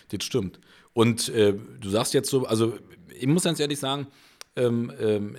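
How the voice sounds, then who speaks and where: Low-voiced man hosting an interview. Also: gravelly, a little mellow. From Berlin. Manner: hesitant, many filler sounds. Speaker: podcast host. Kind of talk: casual interview chat.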